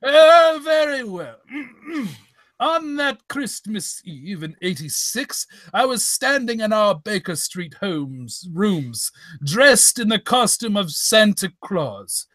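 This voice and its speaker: Man playing high-pitched, doddering old doctor. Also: lively intonation, fairly bright tone, dry recording, exaggerated voice. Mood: befuddled, reminiscing. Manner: halting, stammering, rambling. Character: doddering, fussy old English doctor Watson reminiscing. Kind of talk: hammed-up old-time radio acting with comic ad-libs.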